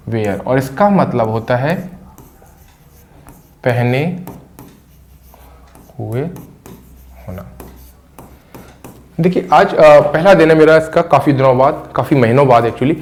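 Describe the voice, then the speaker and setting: A middle-aged man teaches English grammar in a voice that sits slightly high. He breaks phrases into single words and repeats them slowly so students can follow. He speaks into a close mic. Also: darkish tone. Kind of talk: classroom grammar lesson.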